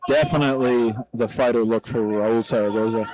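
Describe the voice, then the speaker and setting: A man's voice: medium pitch, brisk, crowd noise, low-quality recording. A man giving casual, slangy live MMA commentary in a colloquial way. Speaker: fight commentator.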